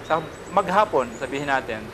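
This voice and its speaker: A man, a priest giving a casual spiritual talk, gentle and teaching, often checking in with his listener. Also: mid-range voice, expressive, normal speed, a little hiss or hum.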